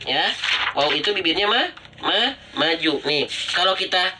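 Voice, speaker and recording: A man's voice: high-pitched, animated, noisy background. A man teaching Quran recitation on a live stream, chatty and talking straight to his viewers, stretching out sounds to demonstrate them again and again. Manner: repetitive, drawn-out pronunciation demonstrations; chatty, addresses viewers directly. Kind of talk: live-streamed tajwid lesson.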